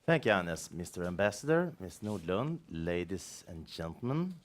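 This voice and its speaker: Swedish-accented man, very low voice, slow formal talk, lively intonation, bit halting. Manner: measured, halting, with restarts. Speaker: report author presenting. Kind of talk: formal presentation speech. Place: seminar room.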